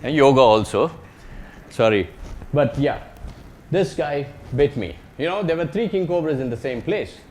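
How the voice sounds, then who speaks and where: A man with an Indian accent speaks to a live talk with some faint noise behind him. His pitch sits in the middle of the male range. He tells stories in short, conversational phrases, joking and tagging them with questions, like a researcher walking through slides. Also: lively intonation, moderate pace, a little mellow. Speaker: wildlife researcher giving a talk. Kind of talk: public talk with slides, anecdotal storytelling.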